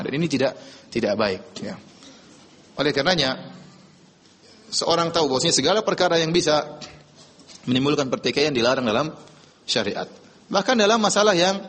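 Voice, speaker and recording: Male preacher talking fast and animated, a bit husky and high-ish, lots of "why?" questions, long echo like a big hall. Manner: animated, rhetorical questions, recites Arabic quotations. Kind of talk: religious lecture.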